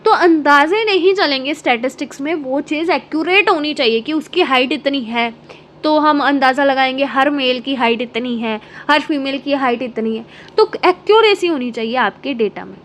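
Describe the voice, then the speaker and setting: A woman's voice: high-pitched, expressive, normal speed, fairly bright tone, a little hiss or hum. A woman lecturer explaining an exam prep lesson step by step, mixing English terms into her Hindi and checking in often. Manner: explains step by step with frequent "ठीक है" check-ins.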